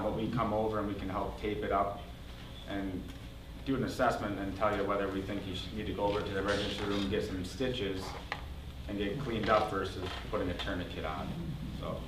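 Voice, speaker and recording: A man speaking as a first responder helping teach a class, explaining things casually. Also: on the low side. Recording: echoey room, distant mic, clear noise.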